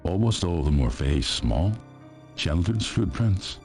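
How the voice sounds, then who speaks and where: A man narrating a first-person horror story in a steady, measured way. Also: deep voice, soft background music.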